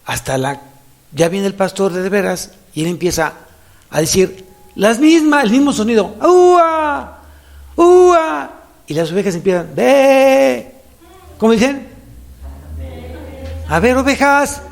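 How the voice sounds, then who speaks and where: A man with a Mexican Spanish accent preaching as a pastor in a church, animated, repeating phrases for emphasis. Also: high voice, moderate pace. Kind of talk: sermon.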